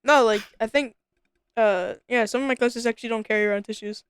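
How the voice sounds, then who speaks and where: Bossy teenage girl, crisp and high. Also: steady tone, fairly quick, dry recording. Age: teens. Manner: bossy, teasing, interrupts a lot. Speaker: podcast co-host. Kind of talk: casual chat among friends.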